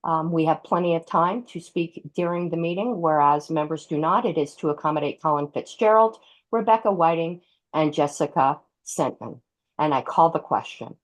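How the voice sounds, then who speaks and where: A woman with a fairly low voice speaks as the party secretary. She makes motions and points of order in a crisp, formal way over a video call. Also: moderate pace, poor audio. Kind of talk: roll-call voting at a video-call meeting.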